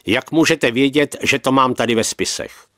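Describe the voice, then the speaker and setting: A man's voice: medium pitch, sharp tone, no room sound, studio quality, voice pushed up. Jumpy interrogator dude, pushy questions, guy reading him in an audiobook. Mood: agitated. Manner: agitated, pressing. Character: agitated male interrogating doctor.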